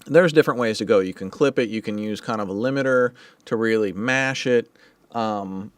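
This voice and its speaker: A man's voice: lowish voice, moderate pace, clear, resonant tone, dry recording. A middle-aged man, a mixing engineer, hosting a casual live Q&A and demo in a loose, easygoing way with many fillers.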